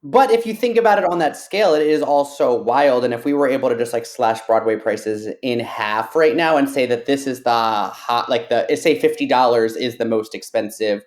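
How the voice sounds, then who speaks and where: A man with a mid-range voice hosts a podcast interview, chatting casually and offering his opinions in a loose, talkative way. He says "like" often and speaks at a moderate pace with few pauses.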